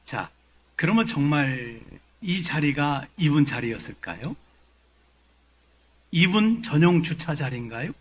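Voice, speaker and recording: A man preaching a sermon in a conversational way, rising to forceful emphasis at key points. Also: fairly high pitch, expressive, unhurried, pauses often, slightly rough, poor audio. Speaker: pastor. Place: church sanctuary.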